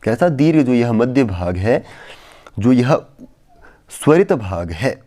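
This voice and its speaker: Male Sanskrit tutor, warm dark tone, chants verses slowly then explains patiently. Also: medium pitch, big pitch swings. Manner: recites verses slowly, then explains in repetitive plain Hindi. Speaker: Sanskrit teacher. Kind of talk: explanatory lesson on phonetics.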